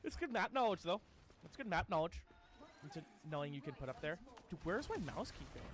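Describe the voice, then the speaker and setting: A man's voice: fairly high pitch, sing-song, fairly quick. A man casting an esports match as play-by-play commentary, laid-back and chatty, calling people "bro" and "dude" and trailing off with fillers. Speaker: esports caster. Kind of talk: casual play-by-play game commentary.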